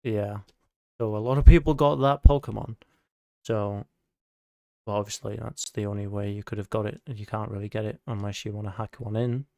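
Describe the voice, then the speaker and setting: A man's voice: fairly low pitch, fairly even intonation, fairly quick, creaky, mellow, dry recording, clean studio sound. A man hosting a casual gaming podcast, rambling with lots of fillers and the odd swear word. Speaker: podcast host.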